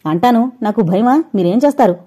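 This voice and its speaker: Woman narrator voicing a fast, scornful young wife in a furious rant, mellow voice. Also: fairly high pitch, animated, slightly rough. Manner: taunting, shouting fast tirades. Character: angry scornful young wife, sharp-tongued. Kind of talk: audio novel reading.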